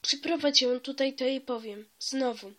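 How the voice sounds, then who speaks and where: A woman's voice: high voice, moderate pace, fairly bright tone, a little hiss or hum. A woman reading the lines of a stern, dismissive father who refuses his daughter, in a storybook reading. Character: gruff dismissive father of a cave clan.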